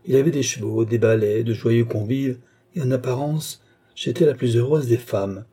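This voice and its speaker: A grieving young woman, voiced by a male audiobook reader, confides her past. The tone is mellow and soft-edged, with a husky grain. The reading stays measured and confessional throughout. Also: mid-range voice, lightly acted. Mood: remorseful.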